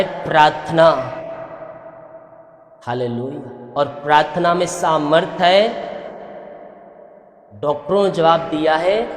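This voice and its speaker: Male pastor, fervent sermon, fairly high voice, roomy hall reverb. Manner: impassioned, declaring with repeated hallelujahs.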